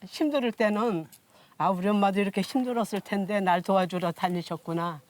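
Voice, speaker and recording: This is a woman in her sixties telling stories from her own life during an interview, her speech plain and homespun rather than polished. Her medium-pitched voice is a little mellow and moves fairly quickly. Music runs beneath the recording.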